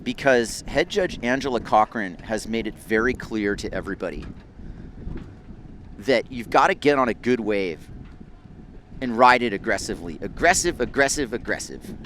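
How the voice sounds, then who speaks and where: A man's voice: fairly low pitch, expressive, moderate pace, pauses often, fairly bright tone. Laid-back male surf announcer over background noise. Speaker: surf competition commentator. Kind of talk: live sports commentary.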